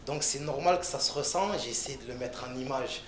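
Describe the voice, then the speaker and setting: Male rapper, casual interview, mid-pitched, stop-start delivery, roomy echo. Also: fairly bright tone, slight background noise. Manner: loose, halting speech with frequent restarts and fillers. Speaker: rapper interviewed about his music.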